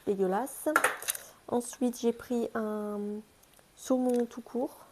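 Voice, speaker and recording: A woman's voice: fairly high pitch, steady tone, slow pace, very noisy. A young woman chatting casually through a shopping haul vlog, chatty and self-mocking, talking to her pets between items. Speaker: haul vlogger.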